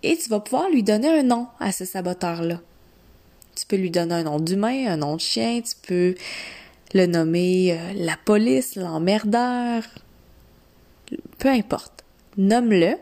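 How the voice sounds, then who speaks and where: A woman with a Quebec French accent speaks slowly at an average pitch, like a coach guiding a single listener. She gives instructions in short, deliberate phrases and often repeats them for emphasis. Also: lively intonation, warm tone. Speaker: mindset coach. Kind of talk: instructional coaching talk, addressing one listener informally.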